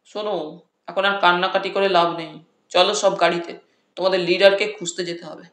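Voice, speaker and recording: A woman voicing a calm, commanding middle-aged uncle who gives brisk, firm orders. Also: lowish voice, close to an everyday voice. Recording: roomy echo.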